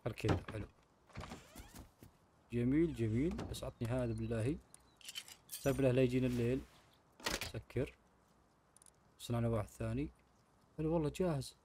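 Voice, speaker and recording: A man's voice: medium pitch, normal speed, long pauses, mellow, a little hiss or hum. A man hosting his gaming channel, chatting casually to viewers while he plays. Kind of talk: casual game commentary.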